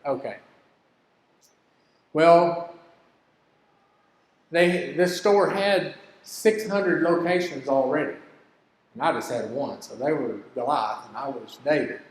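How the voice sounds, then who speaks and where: Older guy teaching business stuff, folksy and earnest, kinda high voice, echoey hall sound. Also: takes it slowly, pauses often. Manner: homespun, storytelling, earnest. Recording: echoey hall with long reverb.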